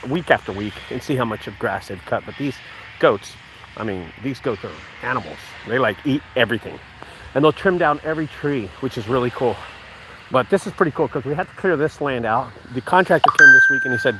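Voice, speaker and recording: A man's voice: mid-range voice, slight background noise. A man in his forties, a business owner, chatting casually while showing his land outdoors. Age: 40s. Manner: relaxed, chatty, says "dude". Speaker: junk removal business owner. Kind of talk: casual vlog walkthrough. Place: outdoors on an open rural property.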